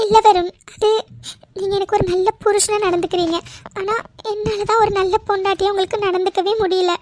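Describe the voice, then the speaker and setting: A performer voicing a young woman doctor, a guilt-ridden, tearful wife, with a soft, pleading way of talking. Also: extremely high pitch, flat delivery, fairly quick.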